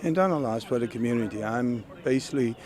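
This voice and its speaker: An older man speaks outdoors at a community gathering, plainspoken and warmly appreciative in his words. A crowd's chatter carries clearly behind his voice. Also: medium pitch, fast talker. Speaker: community guest. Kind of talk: outdoor event interview. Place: outdoors at a city event.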